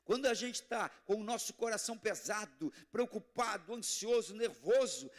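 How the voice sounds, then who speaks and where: A Brazilian pastor preaches with fervor, his voice sitting high for a man. He drives his points home in short, repeated phrases and calls out questions for the congregation to answer. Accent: Brazilian Portuguese. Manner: fervent preaching with call-and-response to the congregation. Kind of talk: sermon. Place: church service.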